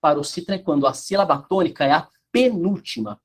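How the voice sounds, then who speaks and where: A man's voice: fairly high pitch, quick pace, husky. A man teaching Italian pronunciation in an online class, explaining with a sing-song lilt and checking the chat.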